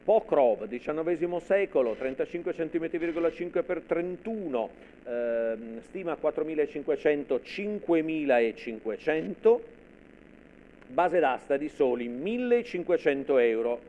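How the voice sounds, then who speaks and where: A man's voice: fairly high pitch, lively intonation, unhurried. Phone-like recording of a male auctioneer. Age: middle-aged. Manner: formal, repetitive counting of bids. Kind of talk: live televised auction calling. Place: dark television studio at a desk. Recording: narrow phone-like sound with faint noise.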